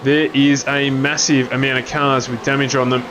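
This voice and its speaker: A man commentates an online race at a middling pitch. He rattles off driver names and calls the action on track. A steady background noise sits under his voice. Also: normal speed, lo-fi sound. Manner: reels off names, jumps in pitch at crashes. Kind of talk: sim racing commentary.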